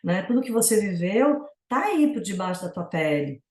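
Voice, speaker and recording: A woman's voice: medium pitch, very animated, normal speed, a little mellow, roomy sound. A woman with a Brazilian Portuguese accent teaching a yoga satsanga in a casual, reflective way, full of fillers.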